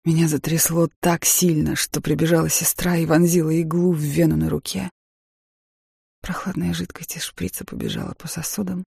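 A woman reading a first-person audiobook in a measured, dramatic way. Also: deep voice, big pitch swings, gravelly, mellow, breathy edge, no room sound, clean studio sound. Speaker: audiobook narrator.

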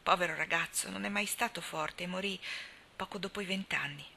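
A woman's voice: on the low side, a little fast, vocal fry, bright, forceful tone, a little hiss or hum. A woman reading the part of a talkative, gossipy older spinster in an audiobook, in an emphatic, chatty manner. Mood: wistful. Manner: chatty, emphatic, sighing storyteller.

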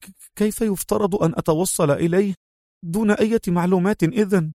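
A man's voice: sits high, brisk, darkish tone, no room sound, studio quality, voice pushed up. A man voicing a nervous young hacker who stammers, in an audiobook. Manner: stammering, anxious. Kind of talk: audiobook character voice.

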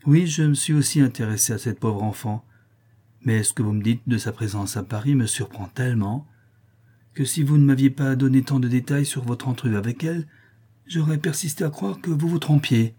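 Male reader as a calm, reassuring gentleman, mellow husky tone. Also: mid-range voice, normal speed, close to an everyday voice. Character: composed, generous gentleman protector. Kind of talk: audiobook character reading.

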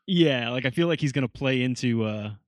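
Guy just chatting about a show, swears constantly, mid pitch, dry sound. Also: brisk, dry recording. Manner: swears a lot, loose and chatty. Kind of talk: casual chat reviewing a TV show.

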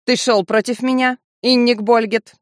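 A woman's voice: a little high, fairly even intonation, moderate pace, no echo, studio quality, pitched above the performer's own voice, lightly acted. Woman voicing a cruel male death master. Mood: falsely gentle. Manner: menacing, coaxing with false kindness. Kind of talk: audiobook character voicing.

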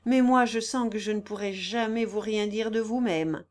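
A woman's voice: mid-range voice, moderate pace, close to an everyday voice. A woman voicing an ardent shy young man. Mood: emotional. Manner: ardent, emotional. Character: shy, eager young male musician.

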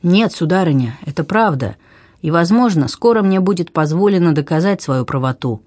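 A man's voice: a little high, expressive, moderate pace, a little mellow, no room sound. A man reading an audiobook, voicing a bitter sea captain who pleads his case earnestly and insistently. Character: bitter middle-aged male sea captain.

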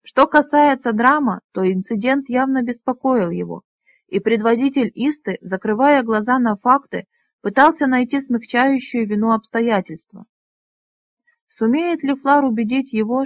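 An audiobook reader narrating a fantasy novel in a measured, even way. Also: mid-range voice, no echo.

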